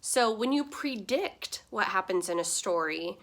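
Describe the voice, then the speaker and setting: A woman's voice: mid-range voice, expressive, a little slow, fairly bright tone. Upbeat woman teacher greeting her class. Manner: upbeat, enthusiastic, chatty. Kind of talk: read-aloud lesson for children.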